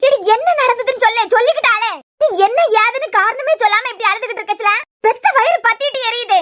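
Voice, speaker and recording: A woman with a Kanyakumari Tamil accent voicing a sharp-tongued middle-aged mother who scolds loudly in a cartoon serial. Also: expressive, fast, slight background noise. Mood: scolding. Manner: scolding, shrill.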